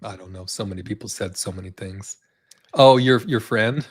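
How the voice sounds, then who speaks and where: A man's voice: fairly low pitch, moderate pace, slightly rough, dry recording, clean studio sound. A man co-hosting a live entertainment news chat, talking in long rambling runs full of fillers and tag questions. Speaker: co-host.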